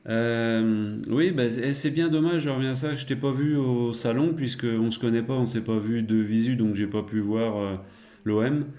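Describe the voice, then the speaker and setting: Recorded in an echoing, roomy space, a middle-aged ham radio operator chats in a casual, colloquial way, chuckling and letting tag words trail off. His voice is mellow and medium-pitched at a moderate pace.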